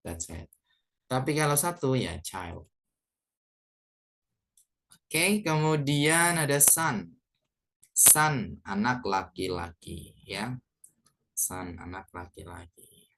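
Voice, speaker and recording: Young Indonesian-accented man, patient English teacher, unhurried and repetitive. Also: lowish voice, sing-song, a bit bright. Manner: slow, repeats words, mixes English into explanations. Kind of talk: beginner English lesson.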